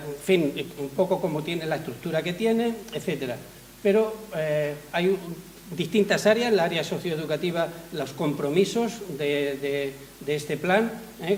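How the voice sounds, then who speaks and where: Halting male lecturer in an echoey hall. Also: fairly high pitch. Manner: halting, frequent fillers, trails off softly. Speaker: panel speaker, university lecturer. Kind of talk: conference presentation. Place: hall at a round-table event. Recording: echoey hall, faint noise.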